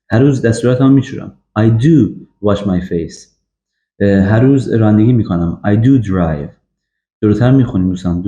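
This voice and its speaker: A man giving an English grammar lesson, drilling example sentences slowly with frequent fillers. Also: on the low side, dark tone. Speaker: English teacher. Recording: echoey, dull lo-fi room recording.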